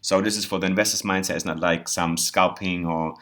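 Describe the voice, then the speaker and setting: Speaking in a low, steady, fairly bright voice at a brisk pace, a German-accented man from Germany whose first language is German rambles earnestly as a crypto vlogger. His casual monologue is full of repeated words and "you know."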